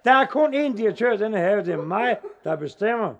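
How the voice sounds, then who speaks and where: Brief: commanding zoo boss, high-pitched, a male comic acts him out. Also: animated, muffled recording, crowd noise. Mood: bossy. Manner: bossy, commanding. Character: bossy middle-aged zoo director.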